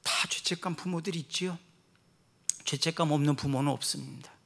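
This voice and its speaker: Middle-aged male pastor, earnest sermon, swings soft to emphatic, gravelly fry. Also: a little high, a little fast.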